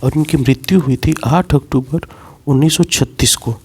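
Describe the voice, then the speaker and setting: Husky and slightly mellow, the man's mid-range voice carries a classroom lecture. His explanation unfolds slowly, one step at a time, with key points repeated and English words sprinkled throughout.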